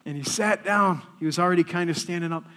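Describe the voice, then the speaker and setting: A man studying for the priesthood, telling a lively story in church as a testimony talk. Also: high-pitched, quick pace. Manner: lively storyteller, animated quoted voices. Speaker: seminarian speaking in church.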